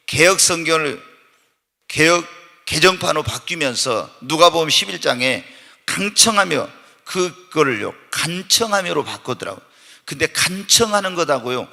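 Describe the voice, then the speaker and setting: A pastor preaching a Wednesday night church sermon, animated and full of rhetorical questions put to the congregation, sometimes bursting into loud shouted emphasis. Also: male voice, on the high side, vocal fry. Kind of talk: Korean evening church sermon. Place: church sanctuary during a Wednesday night service. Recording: long church-hall reverb.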